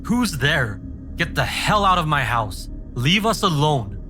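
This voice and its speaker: A man's voice: mid-range voice, unhurried, darkish tone, natural voice. A man voicing an earnest, emotional and protective young father in a horror story. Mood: furious. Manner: earnest, emotional, speaking to his small son. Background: background music.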